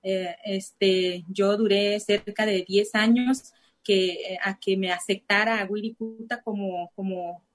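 This woman talks slowly and steadily in a mid-range voice, telling her personal story in Spanish as an interview guest. Cora (Náayeri) is her mother tongue, and she is from Nayarit, Mexico. She hesitates a lot, restarting sentences and using many fillers.

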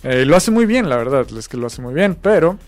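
A man's voice: fairly high pitch, very animated, brisk, no room sound, faint music behind. A man, talking in a rambling, hesitant way, full of fillers, as co-host of a casual chat about film awards. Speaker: podcast co-host.

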